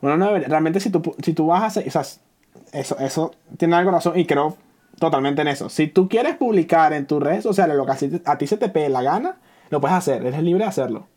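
A man's voice: fairly high pitch, animated, fast talker, darkish tone. A man, co-hosting a casual podcast and giving rambling, slangy opinions. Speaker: podcast co-host. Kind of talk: casual chat.

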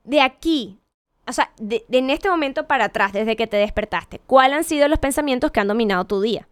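Woman, motivational talk, smooth clear voice, fairly high, conversational, rhetorical questions. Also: expressive, a little fast, no room sound. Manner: conversational, many rhetorical questions and self-corrections. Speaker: motivational speaker.

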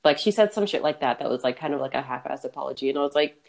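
A woman's voice: rumbling low, expressive, racing, creaky. A young woman co-hosting a podcast, talking candidly in casual chat, swearing freely and laughing often. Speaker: podcast co-host.

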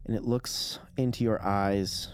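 A man running a tabletop role-playing game, narrating deliberately and with suspense as game master. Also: fairly low pitch, steady tone, crowd noise.

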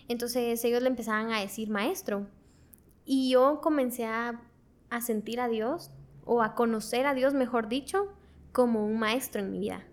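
A woman telling her faith story in a casual conversation, animated, acting out her own prayers and laughing often. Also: fairly high pitch.

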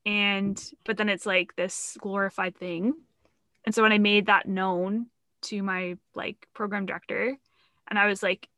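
Bright-voiced earnest young woman. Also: medium pitch, no room sound, studio quality. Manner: earnest, heavy on fillers. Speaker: guest. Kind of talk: casual chat.

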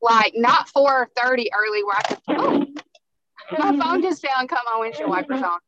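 A woman co-hosting a casual chat over a lo-fi video call connection, chatty and quick to laugh. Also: on the high side, expressive, a bit bright. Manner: chatty, laughs easily, repeats words. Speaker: co-host.

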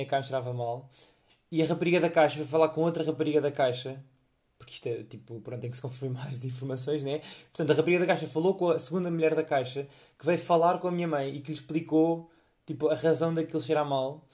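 A young man from Portugal hosts a podcast with a European Portuguese accent, his voice sitting a little higher than most men's. He rambles through comic stories, full of slang and fillers, and acts out the people in them. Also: fairly even intonation, quick pace, darkish tone. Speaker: podcast host. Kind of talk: casual comedic storytelling monologue.

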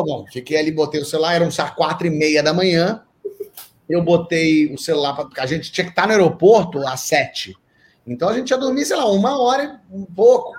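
A man telling a comic anecdote in an animated way, often repeating and restarting words. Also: high voice. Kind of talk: comic storytelling.

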